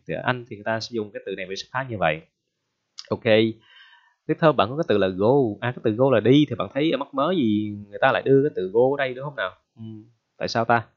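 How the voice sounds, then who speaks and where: A male English teacher gives a casual, joking vocabulary lesson and keeps checking in with his students. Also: mid-range voice. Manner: chatty, joking, frequent tag questions. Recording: dull lo-fi recording.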